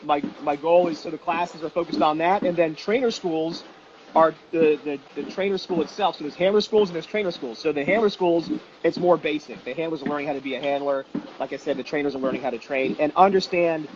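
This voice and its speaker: A man with a fairly high voice talks like an informal instructor in an interview. He explains emphatically, using questions and examples. The sound is dull, with faint background noise. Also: fairly quick. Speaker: dog detection trainer and instructor. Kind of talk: casual explanatory interview talk.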